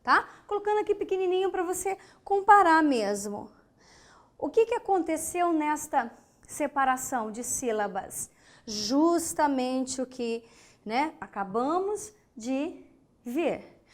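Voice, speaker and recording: A Brazilian woman teaches an online grammar class at an unhurried pace. Her voice sits high, and she breaks words into syllables with clear emphasis. She keeps asking the students rhetorical questions. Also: lively intonation. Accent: Brazilian Portuguese.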